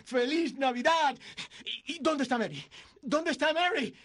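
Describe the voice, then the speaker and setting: A man's voice: very high-pitched, unhurried, fairly bright tone. An actor playing an emotional middle-aged family man in a dubbed classic film, intense and pleading. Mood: joyful.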